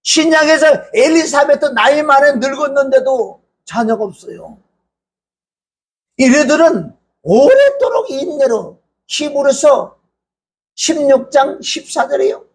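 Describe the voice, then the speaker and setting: A male pastor preaching a fervent sermon. He swings between loud outbursts and low asides, and his voice cracks with emotion. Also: lively intonation, unhurried.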